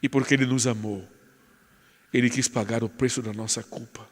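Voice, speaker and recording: A man's voice: mid-range voice, fairly even intonation, normal speed, long reverb tail. A man preaching a sermon as a pastor, telling a story dramatically and then building to fervent emphasis. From Brazil. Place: church.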